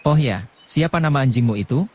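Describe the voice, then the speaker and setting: A man's voice: medium pitch, expressive, fairly quick, a little mellow, lightly acted. A man voicing an easygoing old male farmer who teases his wife in an audiobook. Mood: teasing. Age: older. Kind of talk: audiobook narration.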